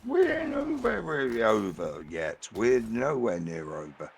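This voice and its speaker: Gravelly man commentating a match. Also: mid-range voice, wildly swooping pitch, slow, a little hiss or hum. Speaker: esports-style match commentator. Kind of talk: casual live board game commentary.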